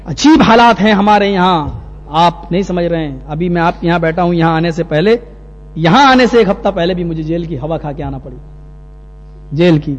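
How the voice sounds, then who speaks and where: A male preacher telling an anecdote in a sermon, animated and acting out the people in it. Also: a little high, long reverb tail, muffled recording. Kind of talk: sermon storytelling.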